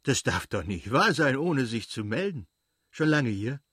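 A man's voice: mid-range voice, very animated, measured pace, a bit bright, breathy edge, no echo, clean studio sound, heavily acted. A man voicing a jovial, sociable middle-aged nobleman who speaks effusively in an audiobook reading. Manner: effusive, hearty.

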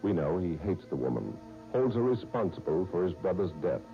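A man announcing a 1930s radio serial in a smooth, measured announcer style, heard as an old radio broadcast. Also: low-pitched, sing-song. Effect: old radio broadcast sound. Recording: dull old radio recording, faint music.

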